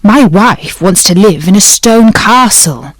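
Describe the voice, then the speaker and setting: A woman voicing a timid old fisherman in a storybook reading, chanting his call to the sea slowly. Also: mid-range voice, animated, breathy edge, no room sound, low-quality recording. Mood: meek.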